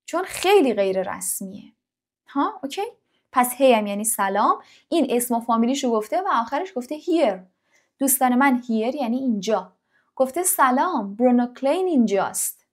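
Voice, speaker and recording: A young adult woman teaching an English lesson to teenagers, speaking directly and encouragingly to the learner and repeating words slowly to drill them. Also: a little high, lively intonation. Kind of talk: online English lesson for teens.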